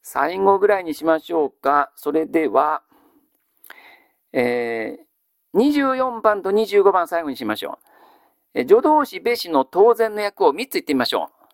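A male teacher giving a grammar lesson. He asks a question, then answers it himself in a measured way. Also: high-pitched, big pitch swings, creaky, no room sound, studio quality. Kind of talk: classical Japanese grammar lesson.

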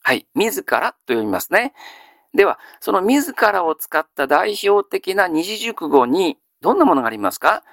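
A male teacher giving a grammar lesson, asking questions and answering them himself, with frequent drawn-out fillers. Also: sits high, gravelly, dry recording, studio quality. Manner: steady lecturing with many drawn-out fillers; quizzes listeners then answers himself. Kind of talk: classical Chinese grammar lesson.

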